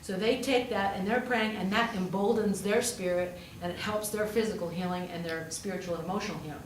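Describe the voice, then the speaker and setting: At medium pitch and a little fast, a woman pastor who is also a hospital chaplain preaches through storytelling. Her delivery is conversational, with rhetorical questions and emphatic repetition. A roomy, distant pickup carries faint noise.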